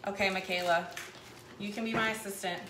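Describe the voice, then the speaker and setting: A woman's voice: medium pitch, steady tone, brisk. A woman, hosting a live cooking demonstration in her home kitchen, chatting and rambling as she works. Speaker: cooking show host. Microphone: camera mic at a distance across the counter. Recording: echoey kitchen with background noise.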